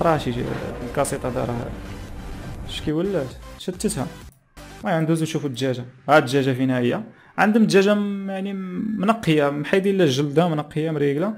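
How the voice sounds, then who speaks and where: A young man with a Moroccan accent giving casual, halting reaction commentary in Moroccan Arabic dialect as a channel host, close on a desk microphone. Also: fairly high pitch. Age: young adult. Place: small plain room indoors.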